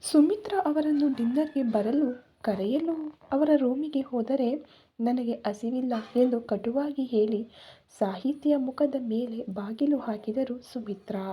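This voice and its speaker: A woman narrating an emotional story in a measured reading manner. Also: high-pitched, breathy edge, dull audio.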